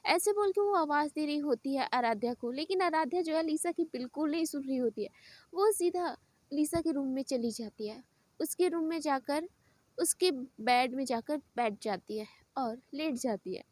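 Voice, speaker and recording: Female storyteller, high voice, casual and chatty retelling. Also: animated, normal speed, darkish tone, no echo.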